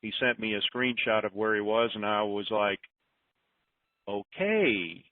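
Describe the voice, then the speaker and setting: The host of this informal phone conference has a low-leaning voice with fairly even intonation, and he's unhurried. His manner is folksy and disorganized, rambling through announcements and thinking out loud, with the telephone audio sounding roomy and tinny.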